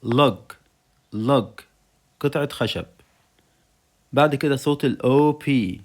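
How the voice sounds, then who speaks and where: A man's voice: mid-range voice, measured pace, darkish tone. A man with an Egyptian Arabic accent teaching English vocabulary to young children, saying each word twice and then giving its meaning.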